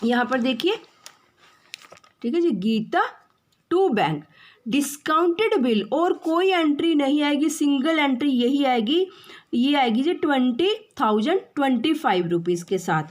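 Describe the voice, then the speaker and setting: A woman teaching an accounts class, explaining slowly and repeating key terms, mixing in English phrases. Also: sits high, animated. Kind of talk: classroom lecture.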